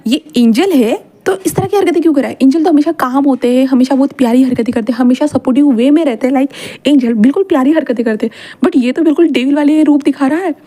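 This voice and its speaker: A woman's voice: high voice, fast, hardly any pauses, warm tone, natural voice. Brief: a woman playing a protective, flustered demon uncle in a storybook, stumbling over words.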